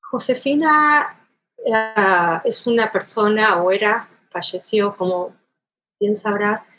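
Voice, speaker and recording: In this academic interview, a literary scholar with an Argentine porteño accent from Buenos Aires speaks slowly in a mid-range voice that sounds pushed and bright. She expands on ideas thoughtfully, often restarting and adding a questioning "¿no?". The audio is poor.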